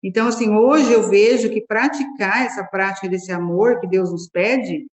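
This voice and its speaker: A woman's voice: mid-range voice, moderate pace. A woman, a catechist, tells a personal story in a group Bible study, talking conversationally and often adding "né?" as she goes. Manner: conversational, frequent tag "né?", retells dialogue. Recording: echoey room.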